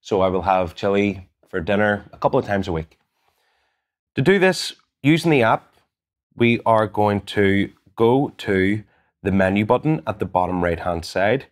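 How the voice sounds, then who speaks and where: Calm low-voiced Northern Irish coach. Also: male voice, moderate pace. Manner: calm, methodical, instructive. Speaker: gym coach. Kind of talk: step-by-step app tutorial. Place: gym studio in front of a branded backdrop. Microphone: lapel mic.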